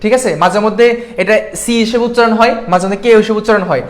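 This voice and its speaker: Young guy tutor from bangladesh, talks fast and high, keeps asking the class "got it?". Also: fairly even intonation. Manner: quick, keeps checking in with the class. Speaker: admission exam tutor. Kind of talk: live online class, questions to students.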